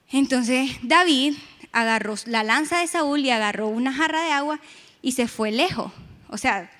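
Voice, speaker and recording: A woman's voice: high-pitched, a bit bright. A woman preaching a sermon, emphatic and raising her voice when she reads scripture aloud. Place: church sanctuary. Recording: long church reverb.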